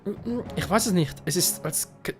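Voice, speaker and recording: A man's voice: high-pitched, lively intonation, fairly quick, over music, pitched above the performer's own voice. A man voicing an earnest young man, a wounded pegasus rider, reading game dialogue aloud in a let's play. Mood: urgent.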